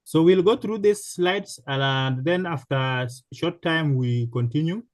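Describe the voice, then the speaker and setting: A man teaching a programming class in a slow, halting way, with many fillers and restarts. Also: on the high side, no echo. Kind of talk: live online class instruction.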